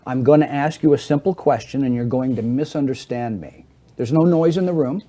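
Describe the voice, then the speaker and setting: A man's voice: medium pitch, a little fast, warm tone. A middle-aged man on a talk show explaining hearing to the hosts, teaching in a didactic way and acting out little everyday scenes. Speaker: hearing aid specialist guest.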